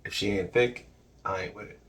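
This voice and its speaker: A man co-hosting a casual podcast, cracking crude jokes and laughing loudly. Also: lowish voice, fairly even intonation, fairly quick. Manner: crude joker, loud laughs. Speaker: podcast co-host. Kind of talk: casual podcast reaction chat.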